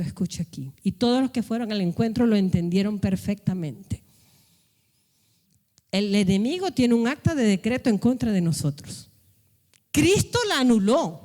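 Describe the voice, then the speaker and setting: High-voiced woman pastor preaching slowly. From Latin America. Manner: preaching with rhetorical questions and shouted calls. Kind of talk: sermon. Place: church hall. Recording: long hall reverb.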